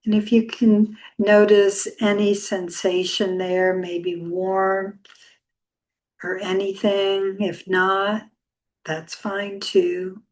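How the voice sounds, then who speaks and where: Speaking at a medium pitch with little movement in it, a woman leads a guided meditation as a yoga instructor. Her delivery is gentle and calming, with long, relaxed pauses.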